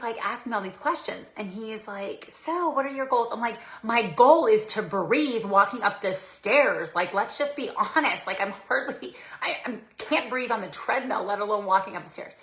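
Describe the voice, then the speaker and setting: A woman's voice: medium pitch, a bit bright. A woman in her forties telling a personal story to camera in a chatty way, full of fillers, acting out what people said. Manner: chatty, many "like" fillers, acts out quotes. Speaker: vlogger. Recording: echoey room.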